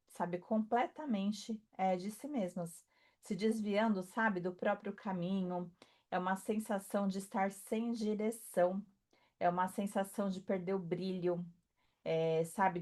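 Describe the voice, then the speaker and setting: A woman speaking as a spiritual coach, talking softly and reassuringly to the listener, with many fillers and tag questions. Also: fairly low pitch. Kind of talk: intimate motivational talk to camera.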